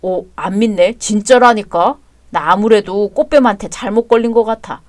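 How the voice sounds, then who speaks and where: A woman's voice: medium pitch, normal speed, dry recording, studio quality, lightly acted. Brief: a woman playing a crude drunken husband, drawled taunts, dramatized story. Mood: drunk taunting. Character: crude drunken boastful husband, adult man.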